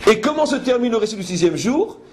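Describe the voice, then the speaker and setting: This man talks fast in a voice that sits high and swings broadly in pitch, teaching a Torah class as a rabbi. His religious lecture comments on scripture with emphasis, didactic force, and rhetorical questions, switching from French to quoted Hebrew verses. Noise fills the live lecture recording.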